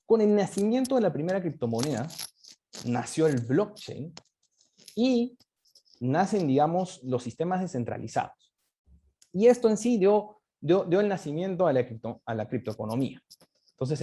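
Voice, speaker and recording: This man's voice sits a little high, with a dark, slightly rough tone. Lecturing on crypto economics as a guest, he moves through his slides one step at a time and tends to end points with a tag question.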